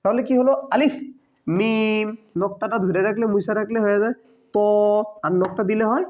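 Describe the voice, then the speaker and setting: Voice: medium pitch, steady tone, moderate pace, a little mellow. A teacher, patiently walking learners through letters step by step, repeating them and quizzing with short questions. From Bangladesh. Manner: patient, drills by repetition and quiz questions. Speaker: Quran teacher. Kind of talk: step-by-step lesson. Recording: dull lo-fi recording.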